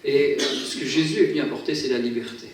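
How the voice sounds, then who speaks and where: A man's voice: a little high, fairly even intonation, quick pace. A man introducing a song at a church, chatty and often repeating words as he restarts his sentences. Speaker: guest singer at a church. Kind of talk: casual spoken introduction to a song. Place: church hall. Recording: very echoey hall, from far off, faint noise.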